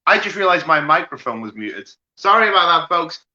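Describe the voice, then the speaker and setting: A man's voice: on the high side, big pitch swings, fairly quick, sharp tone, echoey room, muffled recording. A man hosting an online comedy show, upbeat and apologetic. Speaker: show host.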